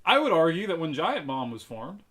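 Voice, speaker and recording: A young man on a casual podcast, arguing his opinions firmly. His voice sits a little higher than most men's. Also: very animated, moderate pace, fairly bright tone. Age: young adult. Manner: opinionated, argumentative. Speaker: podcast co-host. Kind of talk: casual chat.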